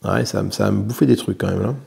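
Gravelly French man counting dice aloud. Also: lowish voice, fairly even intonation, fast, mellow. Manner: thinks aloud, mutters, counts dice, swears lightly. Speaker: board game player narrating his solo play. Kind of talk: casual play-by-play of a solo board game.

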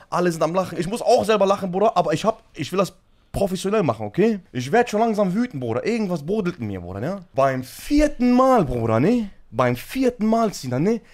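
Guy telling a crazy story on stream, high lively voice, slangy filler words everywhere. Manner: animated, peppers talk with slang fillers. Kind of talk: casual storytelling chat.

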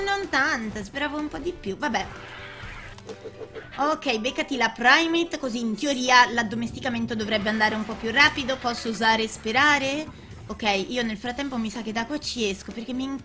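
Female gaming host, high bright voice, animated and exclamatory, faint music underneath. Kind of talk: casual let's-play commentary.

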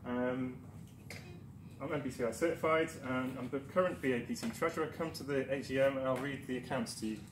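Captured from a distant camera, a Newcastle-born conference speaker presents in an echoey lecture room with background noise. He talks fairly quickly at medium pitch, chatty and self-deprecating, stumbling through many ums and restarts.

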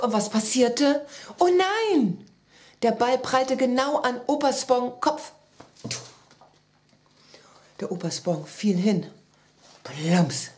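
Woman storyteller, expressive children's read-aloud. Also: medium pitch. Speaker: storyteller reading her own story.

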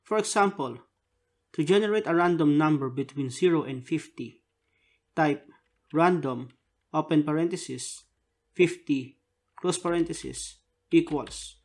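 Guy w slightly high voice doing a software tutorial, dictating each key and symbol bit by bit. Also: a little slow, long pauses. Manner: dictating step by step, spelling out keys and symbols in short separate phrases. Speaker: tutorial narrator. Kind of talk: scripted instructional narration.

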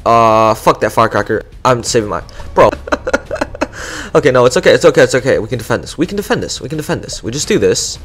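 A young man giving live gameplay commentary, excitable and swearing often, swinging from muttering to yelling. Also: mid-range voice, fast talker. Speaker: gaming YouTuber.

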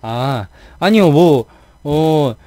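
A man's voice: on the high side, lively intonation, extremely slow, mellow, dry recording. A man from the Gyeonggi region of South Korea, chatting casually with his live viewers as a game streamer, throat a bit tired, playfully mimicking how other people talk.

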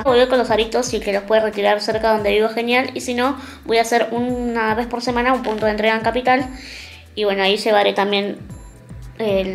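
Young Argentine woman, casual home vlogger, fairly high voice with lots of fry, music faintly behind. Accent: Argentine (Rioplatense). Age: young adult. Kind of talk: casual chat to camera. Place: small room at home.

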